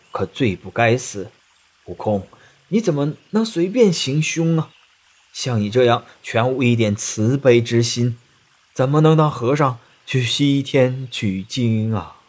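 A man voicing a gentle, preachy male monk in a children's story, speaking slowly and solemnly. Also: mid-range voice, sing-song, slightly rough. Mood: reproachful. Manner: slow, solemn, reproachful.

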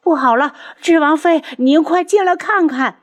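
A woman's voice: normal speed, close to an everyday voice. A woman voicing a frightened female midwife crying out frantically. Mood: panicked. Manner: shrill, frantic.

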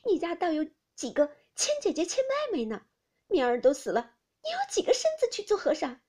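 A woman voicing a sensitive, sharp-tongued young noblewoman in an audiobook, high and reproachful, close to tears. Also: wildly swooping pitch, brisk, slightly rough, full character voice. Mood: scolding. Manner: shrill, reproachful, on the edge of tears. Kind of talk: audiobook character voice.

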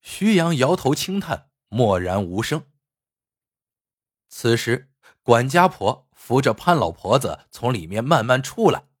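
A man narrating a suspenseful story with lively, dramatic telling. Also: mid-range voice, unhurried, breathy edge, no echo, studio quality.

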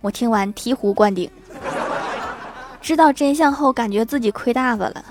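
A young adult woman with a slightly high voice tells funny short stories at a normal speed, as scripted comedy narration. She is playful and self-mocking, tossing in laughing asides, with faint music in the background.

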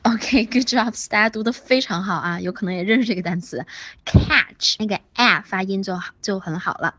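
Pronunciation teacher, woman, mid pitch, dry close sound, slow drilled vowels, encouraging. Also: fairly bright tone, slightly rough, no echo, dull audio. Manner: drawn-out vowel demonstrations, repeats words slowly; encouraging praise. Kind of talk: online class instruction.

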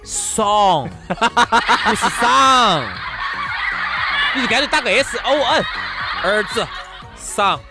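A man's voice: very high voice, expressive, slow pace, pauses often, over loud music. A man with a Sichuanese accent co-hosting a comic chat show in a teasing, joking way. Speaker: co-host.

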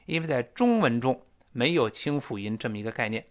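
A man speaking with a Mandarin Chinese accent, explaining English pronunciation and repeating words slowly to demonstrate them. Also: medium pitch, animated. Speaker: English teacher.

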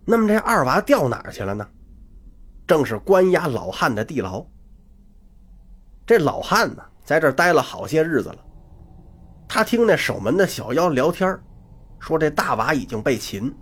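A male storyteller narrating a folk tale with dramatic flair and vocal sound effects. His pitch is fairly high and swings widely. His voice has a husky edge. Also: sing-song, moderate pace, long pauses. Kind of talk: traditional Chinese storytelling.

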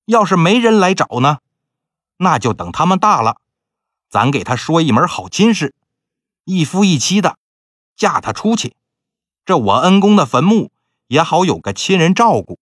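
A man's voice: a little high, very animated, normal speed, pauses often, a bit bright, no room sound, clean studio sound, pitched above the performer's own voice. A man voicing an earnest, grateful young merchant who speaks urgently and sincerely. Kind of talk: storytelling with character voices.

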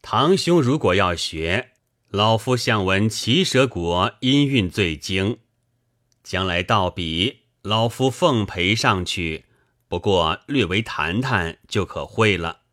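A man voicing an elderly, learned sailor who lectures and teases in a measured way. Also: on the low side, animated, a bit bright. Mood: wry.

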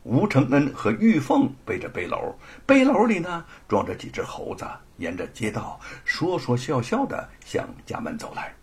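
A man narrating a traditional spoken story in a dramatic, animated way. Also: on the high side, normal speed, hardly any pauses, husky.

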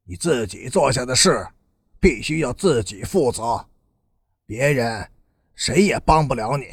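A man reading a storybook voicing a stern, blunt young gang leader in a lowered, husky voice. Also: lively intonation, a little slow, no echo, heavily acted.

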